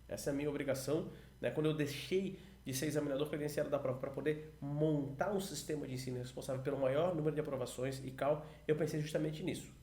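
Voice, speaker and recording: A Brazilian man teaches aviation English to the camera. His voice sits a bit high and swings up and down as he coaches. He is recorded in a room with a noticeable echo. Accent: Brazilian Portuguese. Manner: lively, coaching, models English radio phrases slowly. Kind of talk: explanatory lesson, talking to camera.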